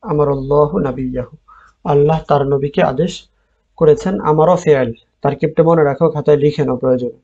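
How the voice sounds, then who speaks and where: A man with a Bangladeshi Bengali accent teaching an online Arabic class, drilling word forms slowly and repeating them. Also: a little high, steady tone, mellow, muffled recording.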